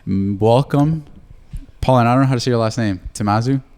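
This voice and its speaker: A young man, hosting a podcast in relaxed, casual chat. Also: medium pitch, a little fast. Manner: relaxed, chatty, with fillers. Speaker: podcast host.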